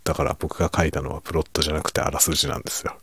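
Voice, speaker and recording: A middle-aged fiction writer chats to listeners in a quiet, rambling late-night monologue meant to help them fall asleep, self-deprecating and chuckling under his breath. His husky, rumbling low voice stays level and hushed, often dropping toward a whisper, yet he talks very fast. There is no echo.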